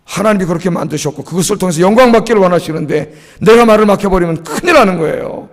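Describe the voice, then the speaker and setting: A male pastor preaching an emphatic sermon, repeating key words in a low aside. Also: fast. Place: church sanctuary. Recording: long church hall reverb.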